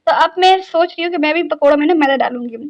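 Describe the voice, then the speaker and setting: A woman's voice: sits high, fast, lo-fi sound. A young woman, narrating her day in a chatty, rambling vlog full of little fillers. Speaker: vlogger. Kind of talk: casual daily-life vlog narration.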